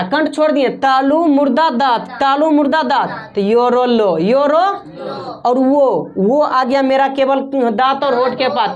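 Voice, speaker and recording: High-voiced woman teaching step by step. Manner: explains step by step, often checks if students understand. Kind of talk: classroom lesson.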